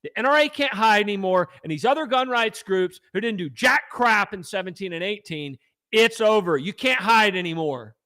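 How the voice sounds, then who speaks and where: Guy ranting on a livestream, high voice, swings way up and down, real combative. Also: animated, normal speed, bright, forceful tone. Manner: combative, rallying, punchy. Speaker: gun rights advocacy host. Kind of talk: fiery livestream advocacy talk.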